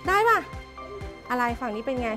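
A woman teaching a class of young pupils, coaxing answers out of them with quick, repeated questions. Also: on the high side, lively intonation, loud music behind the voice. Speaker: primary school teacher.

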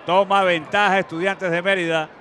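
A man working as color commentator, calmly breaking down each penalty in detail. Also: high voice, normal speed, background noise. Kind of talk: football analysis commentary. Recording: broadcast with crowd and music behind.

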